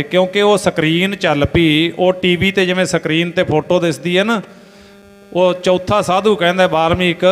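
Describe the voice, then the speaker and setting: A man preaching a religious sermon, telling a story and breaking into slow chanted verses. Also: fairly high pitch. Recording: reverberant hall with faint music.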